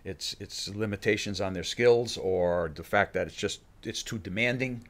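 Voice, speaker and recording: An older man with a low voice talks haltingly about coaching fighters in a casual interview, restarting sentences over and over before reaching his point and acting out what fighters think. He's recorded close on a boom-arm studio mic in a room with bookshelves.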